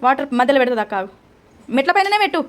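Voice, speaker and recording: A woman's voice: high voice, big pitch swings, background noise. A woman, a mother coaxing and instructing her children through a clay craft in a casual home video. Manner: coaxing, instructive, quick questions.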